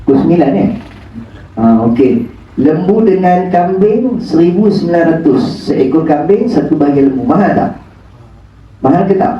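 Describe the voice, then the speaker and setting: Brief: male preacher, teasing and humorous, fairly high voice, dull far-off phone recording in a prayer hall. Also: animated, normal speed. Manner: joking, teasing, rhetorical questions. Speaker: religious preacher. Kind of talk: humorous religious lecture. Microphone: phone camera at a distance.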